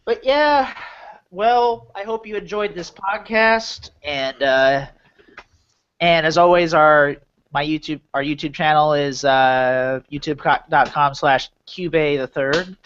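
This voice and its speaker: Higher-voiced man hosting, dull lo-fi audio. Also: slow, a bit bright, clean tone. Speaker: podcast host. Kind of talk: casual podcast chat.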